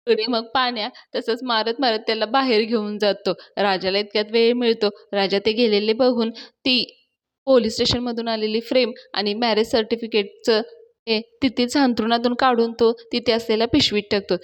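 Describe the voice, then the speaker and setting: Woman with a highish voice chatting through a tv episode recap, talking right to viewers. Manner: chatty storytelling, addresses viewers directly. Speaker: TV serial reviewer. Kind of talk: retelling a TV episode.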